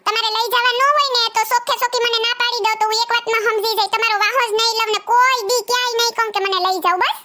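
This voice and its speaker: Woman voicing a nagging wife, very high voice, sarcastic, scolding, comedy skit. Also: steady tone, racing, few pauses, noisy background. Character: nagging young wife demanding a vacation.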